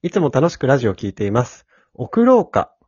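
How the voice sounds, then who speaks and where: Man reading listener letters, lively. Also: mid-range voice, brisk, husky, dry recording. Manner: reads letters aloud, laughs easily. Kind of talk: casual chat. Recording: dull lo-fi dry recording.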